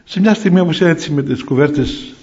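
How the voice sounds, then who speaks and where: A man, a monk, preaching through stories in a lively way, chuckling often and asking rhetorical questions. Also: on the high side. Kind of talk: storytelling sermon. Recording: dull lo-fi recording.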